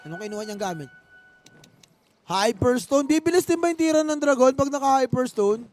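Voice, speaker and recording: A young man with a Filipino accent giving excited, joking live game commentary, mixing in English phrases. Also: extremely high pitch, fairly quick, soft background music. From Philippines. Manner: joking, playful, mixes English phrases, bursts into excited yells. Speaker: esports commentator.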